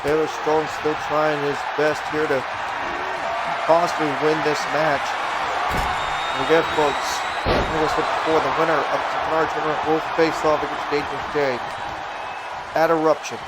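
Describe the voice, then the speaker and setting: A man's voice: fairly high pitch, little pitch movement, normal speed, long pauses. A man giving emphatic live wrestling commentary, exclaiming at the action as he calls it. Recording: loud event crowd and noise. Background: crowd and arena noise.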